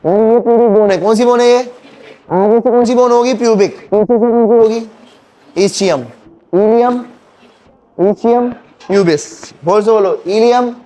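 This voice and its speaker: Man, teacher, high pitch, mellow tone, classroom quizzing. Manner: quizzing students, counting bones aloud. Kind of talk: classroom lecture with call-and-response questions.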